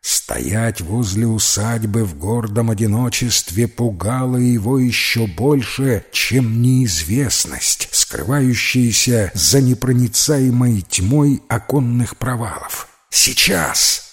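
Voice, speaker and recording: A man narrating a children's tale as an audiobook, with slow, expressive storytelling. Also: medium pitch.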